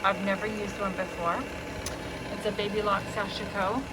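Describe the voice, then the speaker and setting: A woman co-hosting a sewing demonstration in casual chat, bubbly and animated, laughing as she tells stories. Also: mid-range voice, normal speed, noisy background. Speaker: sewing show co-host.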